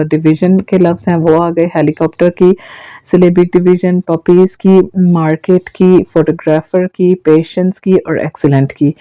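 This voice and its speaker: A woman teacher explains a lesson step by step, pausing often on fillers. Her voice stays flat and even. The recording is dull and dry, as if made on a phone. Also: deep voice, no room sound. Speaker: English teacher. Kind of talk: online class explanation.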